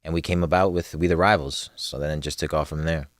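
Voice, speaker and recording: Deep-voiced laid-back young man. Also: steady tone, quick pace, no room sound, clean studio sound. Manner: laid-back, laughs often, street slang. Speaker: podcast guest, clothing brand co-owner. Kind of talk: casual podcast chat.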